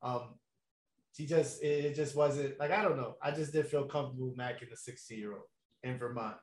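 A man's voice: mid-range voice, fairly even intonation, brisk, darkish tone. A young man telling a long story in a casual chat, laid-back and slangy, with lots of fillers and laughs. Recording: echoey room.

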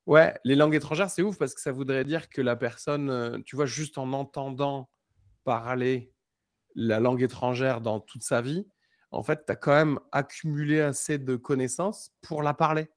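A man's voice: medium pitch, fairly even intonation, moderate pace, dry recording, studio quality. A man co-hosting a podcast in casual chat, rambling through stories and dropping to a mumble at phrase ends. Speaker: podcast co-host.

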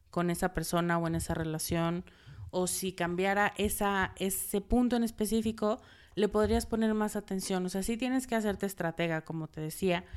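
A Mexican woman talks straight to her listener in a podcast monologue, counting off practical tips one by one. Her voice is smooth and clear, set at a middling pitch for a woman, and her manner is direct and conversational. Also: a little mellow. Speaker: podcast host.

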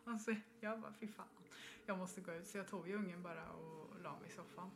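Low-voiced woman telling a ghost story. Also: vocal fry. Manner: lively storytelling with acted-out reactions. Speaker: podcast co-host.

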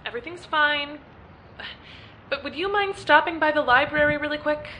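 Brisk matter-of-fact young friend, played by a woman, higher crisp voice, faint hiss. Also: lively intonation, lo-fi sound.

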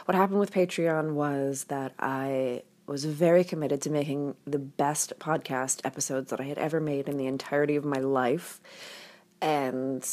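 A woman's voice: low-pitched, steady tone, normal speed, a little mellow. A woman hosting a podcast, talking casually and candidly to the listener, often letting phrases drop to a near-whisper. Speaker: podcast host.

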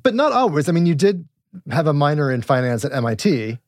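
A man's voice: on the high side, big pitch swings, fairly quick, no room sound, clean studio sound. A man hosting a podcast, introducing a guest and asking upbeat interview questions. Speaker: podcast host.

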